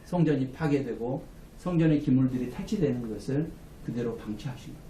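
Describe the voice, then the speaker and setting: A man's voice: mid-range voice, animated, a little fast, mellow, far from the mic, slight background noise. A man preaching a sermon as pastor, with emphatic calls for amen, recorded from afar in a small room. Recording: echoey room, mic from afar.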